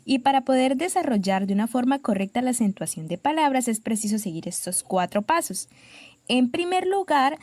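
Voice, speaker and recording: A woman teacher with a mellow, slightly high voice explains a grammar trick to pupils. She lays it out in numbered steps and checks understanding with quick tag questions. The recording is dry and close. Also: dry recording.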